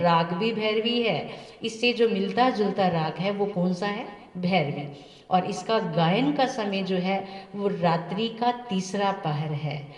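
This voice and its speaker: A woman music teacher talks students through theory at a patient pace, often posing a question and answering it herself. Her voice is mid-pitched and comes from a little way off the mic. The room rings with a long, echoey tail. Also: recorded from a distance.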